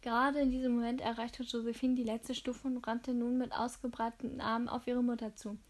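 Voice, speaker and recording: A woman reading a novel aloud in steady scripted narration, with occasional slips. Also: fairly high pitch, a little fast. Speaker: audiobook narrator.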